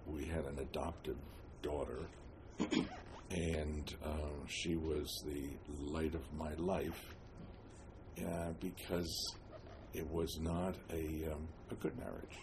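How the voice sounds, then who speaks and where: An elderly American man from New Jersey tells his life story in an oral history interview, with clear noise in the background. His extremely low voice is flat and slow, halting with long pauses and frequent hesitations as he searches for words while reminiscing.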